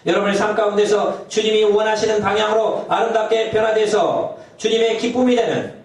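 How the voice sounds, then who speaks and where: High-voiced pastor preaching in echoey church. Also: male voice, steady tone, a little fast. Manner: fervent preaching, often inserting a short affirming "yes". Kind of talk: sermon. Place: church sanctuary. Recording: very echoey church hall, voice from far off.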